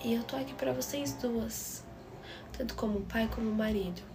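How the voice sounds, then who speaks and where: A young woman quoting her middle-aged father, who speaks softly and tenderly while in tears. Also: a little high, moderate pace, over music, natural voice. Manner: soft, pleading, tender.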